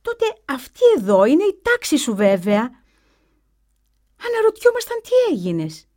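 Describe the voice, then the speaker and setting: A woman voicing a kind, puzzled schoolteacher who asks gentle questions. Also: high voice, wildly swooping pitch, voice pushed up, exaggerated voice.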